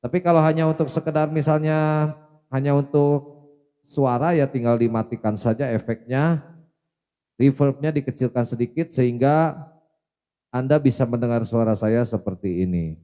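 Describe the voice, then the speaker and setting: A man's voice: medium pitch, normal speed, pauses often, mellow. A man presenting an audio equipment tutorial, explaining mixer settings step by step and repeating test syllables into the microphone. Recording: long reverb from an effects unit.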